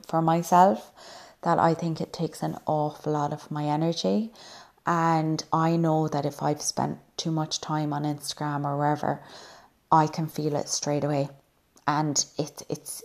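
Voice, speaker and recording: Irish woman, low voice, wellbeing coach type, informal and reassuring self-help delivery. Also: a little mellow. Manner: earnest, reassuring, encouraging.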